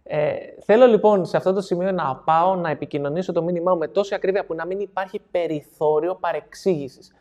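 A man's voice: high-pitched, darkish tone. A man coaching an audience in a seminar talk, explaining step by step, repeating key phrases and checking that listeners follow. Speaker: NLP coach.

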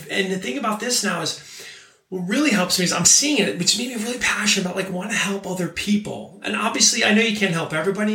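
A man in his late forties hosting a podcast, giving an energetic motivational monologue and repeating key phrases for emphasis. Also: sits high, vocal fry, distant mic. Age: 40s. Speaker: podcast host. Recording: echoey room, voice off-mic.

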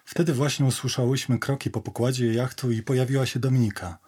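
A man voicing a young woman in an audio drama, narrating a painful memory in a tense, husky voice. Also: mid-range voice, steady tone, fast, darkish tone, lightly acted.

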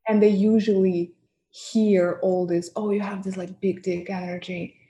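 Her dark, mid-range voice is a little slow and fairly flat in pitch, carrying a Russian accent from her first language, Russian. She is a professional dominatrix appearing as a guest in a candid interview, speaking frankly about her work with frequent laughter and mock-degrading asides.

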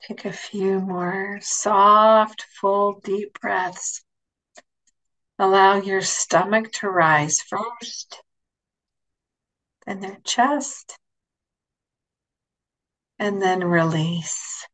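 A woman leading guided relaxation imagery as an instructor, speaking softly and soothingly, with phrases that sink toward a breathy near-whisper. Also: mid-range voice, steady tone, very slow, long pauses, low-quality recording.

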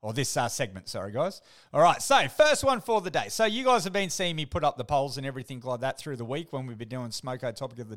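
A man's voice: medium pitch, a bit bright. A middle-aged man with an Australian accent hosting a casual solo podcast, talking like a blokey, sweary tradesman full of slang. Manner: blokey, laid-back tradie slang, swears freely. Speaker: podcast host.

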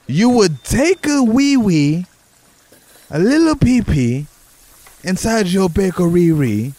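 A man's voice: high voice, darkish tone, no room sound, heavily acted. A man voicing a pompous male French pastry chef in a put-on French accent, in an improvised comedy sketch. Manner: haughty, indignant.

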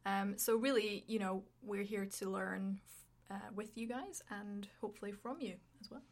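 A woman's voice: mid-range voice, normal speed. A woman co-hosting a casual podcast, talking with lots of ums and uhs, asking questions and laughing often. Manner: many fillers, asks questions, laughs often. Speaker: podcast co-host.

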